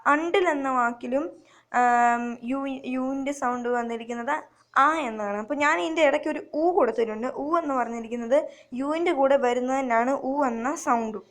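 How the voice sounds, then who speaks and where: A young woman teaching children letter sounds, slowly and repetitively, asking questions and answering them herself. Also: a little high. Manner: slow, repetitive, asks and answers her own questions. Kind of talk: phonics lesson for children.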